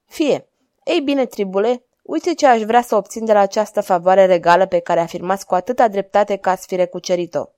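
A woman's voice: mid-range voice, warm tone, no room sound, clean studio sound, natural voice. A woman voicing a proud male captain of the royal guards, speaking formally and courtly.

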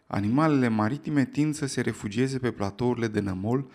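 A man narrates an audiobook at a middle pitch. His storytelling is steady and even. He keeps the telling calm through the story.

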